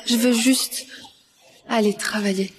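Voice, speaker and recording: Modest young wife, fairly high voice. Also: female voice, steady tone, takes it slowly, a little hiss or hum. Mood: politely refusing. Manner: polite, demurring. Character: modest young pregnant wife, polite but stubbornly independent. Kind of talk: dubbed short-drama acting.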